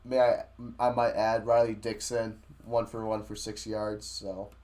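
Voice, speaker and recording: A man's voice: lowish voice, level tone, measured pace, a little mellow. A man co-hosting a sports podcast, chatting in a laid-back way about football news. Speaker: podcast co-host. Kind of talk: casual sports chat.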